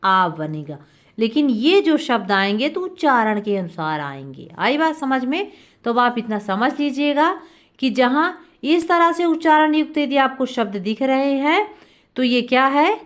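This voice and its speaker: A woman's voice: sits high, sing-song, a little slow, a bit bright. A woman teaching a Sanskrit grammar lesson, asking questions and answering them herself, drawing out key sounds. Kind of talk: classroom lesson explaining grammar.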